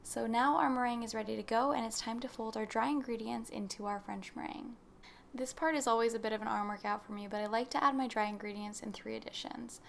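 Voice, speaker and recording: A young woman narrates a baking tutorial in a friendly, instructional voice-over. Her voice sits a little high and has a gravelly edge, and a faint hiss of background noise runs under the recording. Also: steady tone, quick pace. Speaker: baking channel host. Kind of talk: scripted recipe voice-over.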